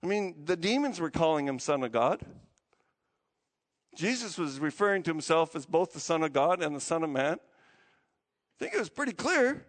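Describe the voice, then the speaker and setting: A man's voice: on the high side, normal speed, pauses often. A man, a pastor giving a sermon in a chatty, storytelling way. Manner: conversational, animated storytelling. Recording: long church hall reverb.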